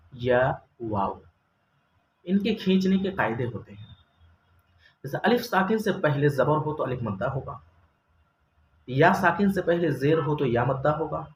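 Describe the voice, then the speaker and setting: Male Quran-reading teacher, patient and methodical, stretches out example sounds, echoey room, faint hiss. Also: fairly high pitch. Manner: patient, asks questions then answers them, drawls example sounds. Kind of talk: step-by-step recorded lesson. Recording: roomy echo, faint ambient noise.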